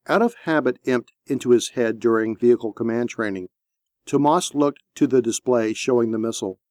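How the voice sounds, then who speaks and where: A male narrator reads a war scene in a steady, measured way at a middle pitch. The recording is dry and close, with no room sound at all. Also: dry recording. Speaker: audiobook narrator. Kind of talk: scripted narration.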